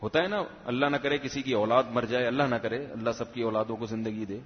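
A man preaching a sermon in a conversational way, telling a parable and putting questions to his listeners. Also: medium pitch. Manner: conversational, asks the audience questions. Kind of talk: sermon with storytelling. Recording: echoey hall, dull lo-fi sound.

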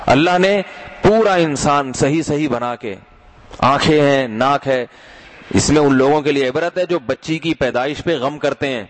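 A middle-aged man preaching a sermon, lively and conversational, throwing rhetorical questions at his listeners and calling them brothers. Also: fairly high pitch.

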